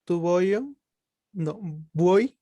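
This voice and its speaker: Hesitant mellow man, very slow. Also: high voice, lively intonation, dry recording. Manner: hesitant reader, corrects himself. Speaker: student. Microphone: video call.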